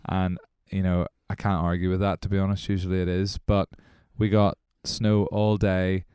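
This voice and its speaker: A man's voice: low voice, moderate pace, clear, resonant tone, no room sound, clean studio sound. A man co-hosting a podcast in casual chat, rambling with many fillers. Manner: rambling, relaxed, full of fillers. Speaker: podcast co-host. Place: small podcast studio.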